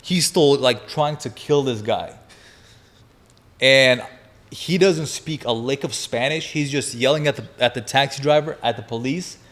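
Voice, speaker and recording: A man in his twenties, a podcast guest, telling a wild story in casual chat, energetic and profane, laughing as he goes. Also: mid-range voice, unhurried.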